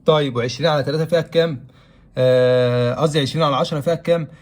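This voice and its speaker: Egyptian man teaching math, very fast delivery, slightly high voice, quizzes the class and answers himself. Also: steady tone. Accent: Egyptian Arabic. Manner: asks questions aloud and answers them himself. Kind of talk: classroom-style math lesson.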